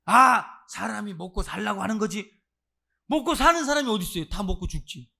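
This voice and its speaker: A man preaching a Sunday sermon as pastor, swinging between loud exclamations and near-murmurs and putting direct questions to the congregation. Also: high-pitched, expressive, fairly quick, vocal fry. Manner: acts out voices of those he quotes. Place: church service.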